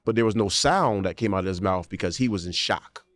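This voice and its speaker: A man co-hosting a podcast narrates a story in a relaxed conversation, his voice on the low side and fairly quick in a dry recording. He tells it animatedly, voicing the characters and making the sounds himself.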